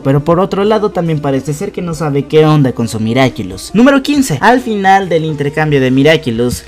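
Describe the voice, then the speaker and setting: A young adult man with a slightly high, darkish voice hosts a YouTube countdown list breaking down cartoon episodes. He narrates conversationally and with emphasis, while music plays in the background.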